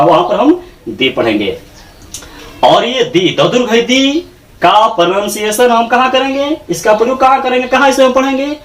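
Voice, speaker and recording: A man teaching English grammar in a classroom lecture, repeating each point and checking with rhetorical questions. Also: high-pitched. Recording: echoey room, mic far off.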